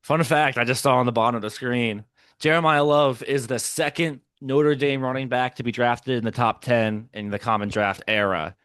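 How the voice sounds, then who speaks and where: A man's voice: mid-range voice, steady tone, moderate pace, a bit bright, smooth, no echo, clean studio sound. A man co-hosting a casual podcast, reacting live to a sports draft from a hotel room and thinking aloud. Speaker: podcast co-host.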